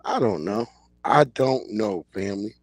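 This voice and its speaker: Here a livestream host in his forties gives casual commentary, ranting bluntly with slang about the day's headlines over a streaming mic. His voice sits on the low side, slightly rough, at a measured pace with no echo.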